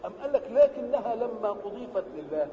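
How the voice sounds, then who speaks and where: Egyptian guy teaching religion, kinda high voice, asks and answers his own questions, echoey hall. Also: sing-song, dull audio. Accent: Egyptian Arabic. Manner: stretches key words slowly for emphasis. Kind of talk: religious lesson. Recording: reverberant hall with faint background noise.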